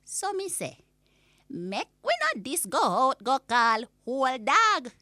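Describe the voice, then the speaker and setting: A woman playing an exasperated old Jamaican granny, telling a comic rant with indignant, drawn-out emphasis. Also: sits high, big pitch swings, bright, forceful tone, dry recording, studio quality, full character voice. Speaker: storyteller.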